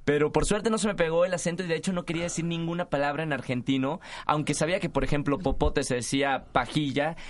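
Mexican male actor guest, cheerful, slightly raised pitch, chatty. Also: fast, few pauses. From Mexico, Monterrey. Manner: cheerful, laughs often. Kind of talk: casual interview chat.

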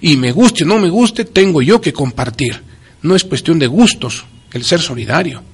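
A man's voice: a little high, animated, normal speed, slightly rough. A man speaking in a preacherly, emphatic way on a religious talk program, often repeating his key phrases for stress.

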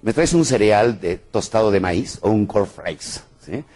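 A husky-voiced man voicing a wife reading out a shopping list. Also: lowish voice, expressive, measured pace, darkish tone, pitched below the performer's own voice. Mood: instructing.

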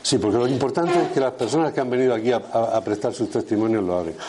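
Doctor telling stories to an audience. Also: male voice, mid-range voice, fast, noisy background. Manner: animated anecdotes, acts out dialogue with patients. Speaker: doctor speaking on a panel. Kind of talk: storytelling talk to an audience.

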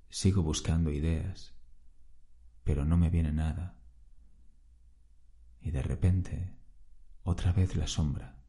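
A man, calmly narrating a first-person story as a podcast host. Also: extremely low pitch.

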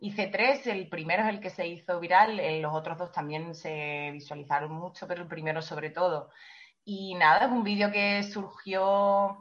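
A woman's voice: lowish voice, steady tone, normal speed, muffled recording. A woman, an actress and guest, chatting casually and laughing easily. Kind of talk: casual chat.

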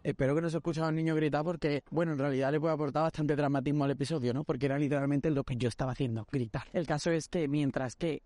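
A young man from Algeciras with an Andalusian accent, excitably telling a comic story while walking down a city street, swearing freely. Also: fairly high pitch, quick pace, hardly any pauses, dry recording. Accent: Andalusian Spanish. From Algeciras, Spain. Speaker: podcast host.

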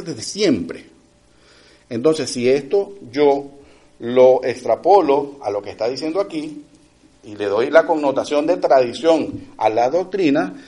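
A middle-aged man preaching a conversational sermon, often checking in with his listeners with quick asides, swinging between loud emphatic lines and quiet ones. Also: fairly high pitch.

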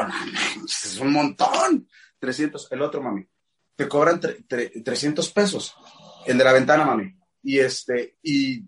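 A middle-aged Mexican man with a Mexican Spanish accent, a father telling an animated story as a guest in a casual chat. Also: medium pitch, husky. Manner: animated storyteller acting out quoted voices.

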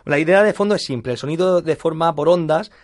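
Guy doing math bits on a talk show, rattles along fast, keen teacher vibe. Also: fairly high pitch. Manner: enthusiastic, didactic, quick-talking. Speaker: mathematician guest presenting puzzles. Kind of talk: lively explanatory talk show segment.

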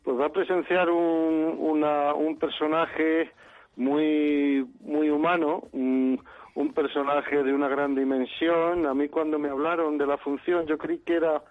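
A man's voice: on the high side, flat delivery, soft background music. A man from Madrid, an actor, speaking in a phone interview, hesitant and full of restarts. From Madrid, Spain. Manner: halting, restarts often, searching for words. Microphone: telephone. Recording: phone line.

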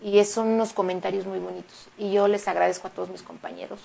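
A woman's voice: mid-range voice, vocal fry. A woman with a Mexican Spanish accent, a singer and actress chatting emotionally as an interview guest. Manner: chatty and emotional, quick animated retelling. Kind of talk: casual interview chat.

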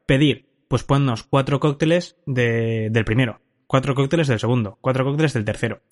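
At a moderate pace and in a mid-range voice, the host of a casual podcast chats through a boozy travel story, with plenty of laughter and cursing along the way.

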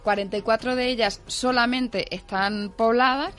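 A woman in her thirties telling stories in a lively, chatty way as a contributor on a radio talk show. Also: a little high, moderate pace. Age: 30s. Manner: chatty, animated anecdote-telling with quoted dialogue. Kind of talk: casual radio chat and storytelling.

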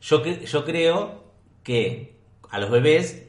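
Man, podcast guest, loud and animated, echoey room. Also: a little high, takes it slowly. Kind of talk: casual comedic chat.

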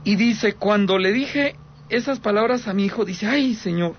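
High-voiced man telling a ghost story. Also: normal speed, lo-fi sound, a little hiss or hum. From Aguascalientes, Mexico. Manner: dramatic storyteller, repeats key points, speaks to listeners directly. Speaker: radio host taking calls. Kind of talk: telling a paranormal story on radio.

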